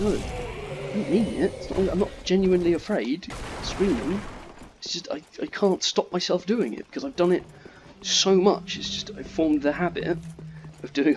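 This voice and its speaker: Rambling, swearing man gaming over background noise. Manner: swearing, digressive, shouts at enemies in high-pitched bursts. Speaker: gamer commentating his playthrough. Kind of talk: casual rambling gameplay commentary.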